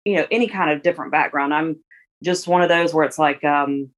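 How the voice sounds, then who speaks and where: A woman in her forties with a deep voice speaks briskly as a guest in a casual interview. She rambles, with many fillers and restarts.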